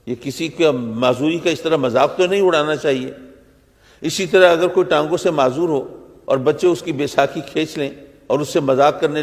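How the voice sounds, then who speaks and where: A man's voice: a little high, a little mellow. A male religious scholar delivering a sermon, building long chains of parallel rhetorical phrases and reciting verses in Arabic. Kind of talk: Urdu religious lecture. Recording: long hall reverb.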